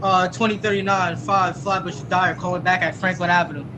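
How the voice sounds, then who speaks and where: Male train operator, high voice, radio call-ins, very loud train noise. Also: level tone, fairly quick, dull audio. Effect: two-way radio.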